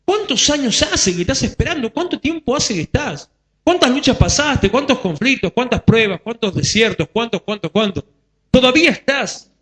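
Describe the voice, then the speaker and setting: A man's voice: very high voice, expressive, a bit bright. A man with a Rioplatense accent voicing the devil as a mocking liar who fires off questions to sow doubt. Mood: taunting. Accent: Rioplatense Spanish. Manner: mocking rapid-fire questions. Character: the devil as a taunting liar, male.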